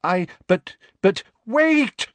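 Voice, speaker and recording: A man's voice: high-pitched, big pitch swings, takes it slowly, no echo, voice pushed up, exaggerated voice. A man voicing an eccentric, indignant female fortune-teller teacher with a shaky, ethereal, dramatic manner. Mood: theatrical, shaking. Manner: resentful, shaky ethereal mystic voice.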